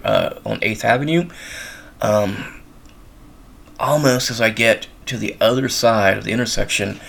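A man's voice: on the low side, vocal fry, fairly bright tone. A man hosting his own show, telling a long story in a rambling way, full of ums and uhs. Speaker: podcast host. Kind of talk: casual storytelling. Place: college town in the United States.

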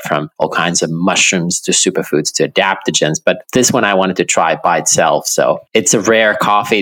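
A man from Finland with a Finnish accent, a guest telling his story in a relaxed, rambling way. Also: low-pitched. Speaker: guest, entrepreneur. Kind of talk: casual interview talk.

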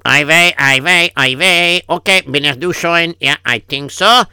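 A man plays a fretful husband with a Yiddish-inflected English accent in an improvised comic radio story, kvetching and sighing "oy vey." His voice sits on the high side, pushed and bright with a clean tone, at a measured pace in a dry recording.

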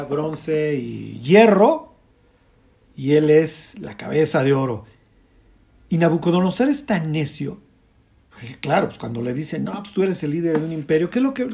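Guy teaching a bible study, kinda high voice but mellow, keeps going "ok?" to check everyone follows. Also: vocal fry. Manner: explains scripture, then comments on it pointedly.

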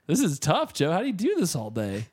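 A man's voice: fairly high pitch, huge pitch swings, fairly quick, a little mellow, slightly rough. A man co-hosting a comedy podcast, flustered and self-deprecating when it is his turn to read. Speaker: podcast co-host. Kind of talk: casual comedic banter.

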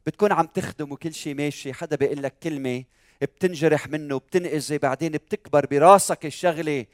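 A man delivers a sermon in a fairly high voice. He keeps asking the listeners questions, now rising loud, now falling to a near murmur. The sound is dry and close, with no room around it. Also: fast talker, no echo. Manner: preaching with rhetorical questions, swinging between loud peaks and soft asides. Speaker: pastor.

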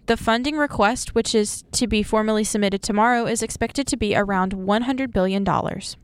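A woman co-anchoring a student radio newscast, reading stories briskly and now and then restarting a stumbled word. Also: medium pitch, smooth, dry recording. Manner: brisk news reading with occasional slips and restarts. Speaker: news anchor.

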